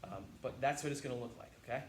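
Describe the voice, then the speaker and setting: A man's voice: medium pitch, fast, a little hiss or hum. A man coaching a home workout, joking around and grunting through the reps as he demonstrates each exercise. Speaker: fitness trainer. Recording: echoey room, mic at a distance.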